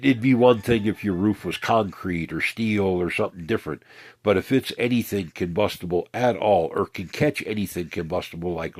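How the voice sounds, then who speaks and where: A man speaking in a husky, low voice, recorded close and dry. He rambles in a blunt, folksy way, swearing casually and often circling back to restart his sentences. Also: darkish tone, no echo. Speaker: vlogger. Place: home, indoors.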